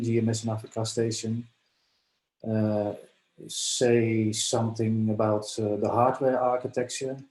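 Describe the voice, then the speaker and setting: A low, flat-voiced man talks slowly over a video call, stopping often with filler sounds as he walks through a training session. His voice comes through with a roomy echo. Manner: hesitant, halting, many "uh" fillers. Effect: heard over a video call. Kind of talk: online training presentation.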